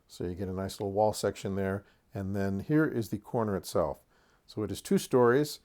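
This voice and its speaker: A man reviews tabletop wargaming terrain in a casual product showcase, chatty and folksy with lightly humorous asides. His voice is lowish and a little mellow, at a moderate pace.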